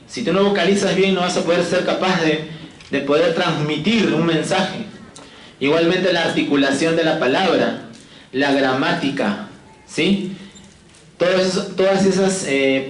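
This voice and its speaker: Lively male lecturer in an echoey classroom. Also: fairly high pitch, slight background noise. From Peru. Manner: lively, asks "¿no?" and "¿sí?" constantly, jokes with students. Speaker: physiology lecturer.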